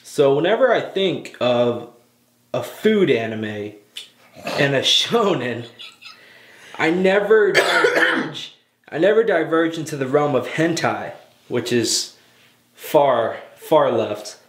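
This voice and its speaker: A man co-hosting a casual anime chat, blunt and animated, often acting out characters in jokey voices. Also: medium pitch, takes it slowly. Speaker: co-host of an anime review show. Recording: roomy echo.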